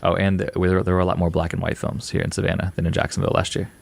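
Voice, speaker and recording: A young man being interviewed as a filmmaker guest, answering in a relaxed, rambling way with fillers. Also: sits low, very fast, vocal fry, no echo.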